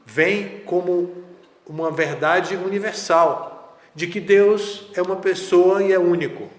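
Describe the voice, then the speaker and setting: Man, spiritual lecture, higher voice, echoey hall, long reverb. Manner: measured, conversational lecturing with asides. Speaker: spiritual teacher.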